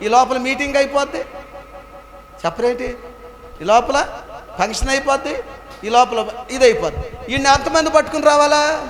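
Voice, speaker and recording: A man pastor preaching a sermon in a church hall, telling humorous stories and calling on the congregation to answer him aloud. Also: extremely high pitch. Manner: calls on the congregation to answer aloud, animated and playful. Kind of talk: Telugu sermon with humorous storytelling. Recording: echoey hall with long reverb.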